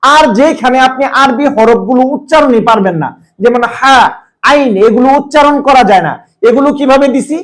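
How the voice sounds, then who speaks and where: A man demonstrates printed pages to readers, pointing out errors and reading recited lines slowly. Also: very high voice, a bit bright, low-quality recording. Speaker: publisher's presenter. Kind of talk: product demonstration.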